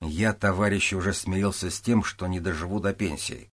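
A man's voice: low-pitched, steady tone, brisk, a bit bright. A man voicing a weary, exasperated middle-aged police captain who barks orders and cuts in with sarcasm, read as an audiobook character. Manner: stern, sarcastic, barking orders.

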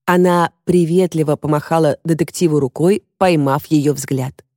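Low dark-voiced woman narrator. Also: fairly even intonation, normal speed, no echo, studio quality. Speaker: audiobook narrator. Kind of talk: scripted audiobook narration.

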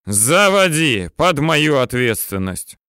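A man voicing a gruff, irritable middle-aged tank commander who shouts orders. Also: medium pitch, sing-song, takes it slowly, dry recording, clean studio sound, exaggerated voice.

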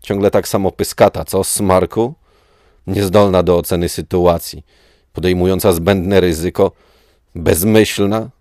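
A man voicing a menacing, cruel armored male dark lord, speaking slowly with a rough voice in a read-aloud story. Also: deep voice, fairly even intonation, no room sound, clean studio sound. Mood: taunting. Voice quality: rough, mask-distorted voice. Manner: slow, taunting menace.

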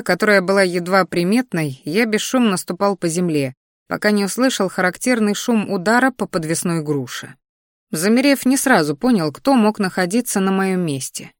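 A woman narrating a first-person fantasy audiobook in a steady, measured reading voice. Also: medium pitch, dry recording, studio quality.

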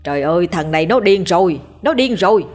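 A woman's voice: lowish voice, animated, fairly quick, faint music behind. A woman voicing shocked village onlookers who scold a reckless man.

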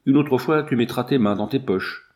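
A man reading a story aloud, voicing a cruel, arrogant young man who threatens and shouts orders. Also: medium pitch, normal speed, close to an everyday voice. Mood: cruel, haughty. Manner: haughty, threatening, shouts commands.

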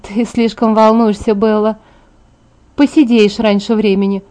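A lively young woman talks in a high, emphatic way, brisk and teasing, as a woman narrator puts her on. Her tone stays mellow underneath. It is an audiobook reading. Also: lightly acted.

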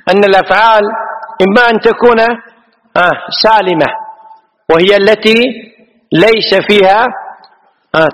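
A man with a high-pitched voice teaches a class, patiently going over each pronunciation and repeating the words to drive them home. His voice trails off in the long reverb of a lecture hall. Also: a bit bright. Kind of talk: classroom lesson on Arabic grammar.

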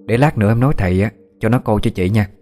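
A man voicing a chatty, eager middle-aged woman who talks quickly. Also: on the low side, warm tone, soft background music, lightly acted.

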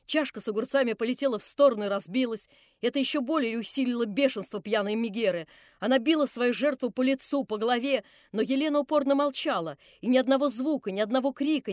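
Brief: female audiobook narrator for literary fiction; measured, dramatic, high, dry sound. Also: darkish tone, dry recording. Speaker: audiobook reader. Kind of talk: classic novel narration.

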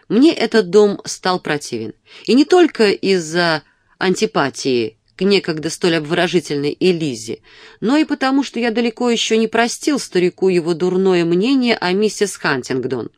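An audiobook reader, a woman with a mid-range voice, narrates a classic novel from a script in a measured, expressive storytelling style. The recording is clean studio sound with no echo.

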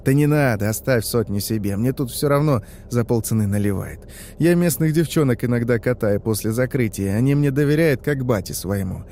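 Mellow-voiced man narrating a horror story. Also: medium pitch, a little fast, a little hiss or hum. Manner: conversational, confiding to listeners. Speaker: storyteller playing a taxi driver.

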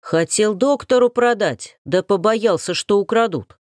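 A woman's voice: medium pitch, measured pace, dry recording, clean studio sound, voice pushed up, lightly acted. A woman reading an audiobook, voicing a frightened young nobleman who pleads in panic with a cracking voice. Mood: panicked. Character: frightened young male dandy begging forgiveness.

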